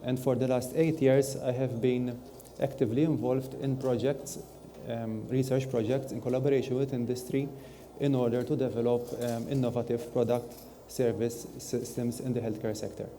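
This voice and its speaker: A man, an academic, speaking on a conference panel in a measured, formal way. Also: mid-range voice, little pitch movement, warm tone, a little hiss or hum.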